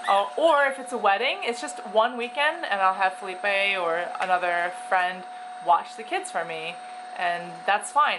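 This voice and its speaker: A woman's voice: mid-range voice, noisy background. A woman in her thirties giving an opinionated, stream-of-consciousness monologue at home while putting on her makeup. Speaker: vlogger.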